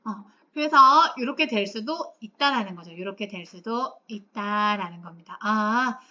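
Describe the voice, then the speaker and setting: A woman's voice: medium pitch, expressive, normal speed, bright, forceful tone. A woman English teacher giving a chatty classroom lecture, often checking whether her students follow along. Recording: dull lo-fi classroom recording.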